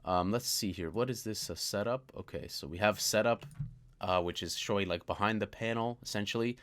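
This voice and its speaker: In this casual screen-recorded software walkthrough, a music producer checks out a synth plugin, speaking fairly quickly in a low, fairly bright voice. He muses aloud with many fillers and unfinished remarks as synth sounds play behind him.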